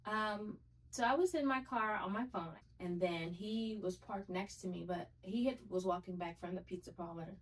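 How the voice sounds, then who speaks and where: A woman's voice: medium pitch, moderate pace. Earnest, reflective woman, slightly distant. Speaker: podcast guest. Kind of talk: casual chat.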